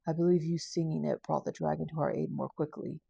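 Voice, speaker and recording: A woman voicing a kindly, proud older man in her audiobook, speaking with warm approval. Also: sits low, fairly even intonation, a little fast, vocal fry, breathy edge, no echo, heavily acted.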